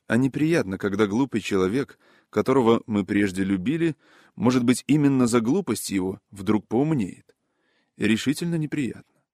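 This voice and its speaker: A man's voice: mid-range voice, no room sound, clean studio sound. Man reading a classic novel aloud. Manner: measured, even reading. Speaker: audiobook narrator. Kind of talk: scripted literary narration.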